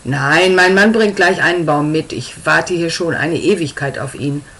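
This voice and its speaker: A woman's voice: sits low, moderate pace, fairly bright tone. A woman voicing a young mother tired of waiting for her husband. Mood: impatient.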